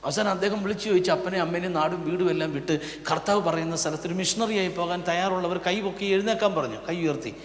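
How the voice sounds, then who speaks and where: A male pastor, preaching a sermon and swinging from quiet asides to loud, impassioned calls. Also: sits high, very fast, hardly any pauses. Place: church prayer hall. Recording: echoey church hall, long reverb.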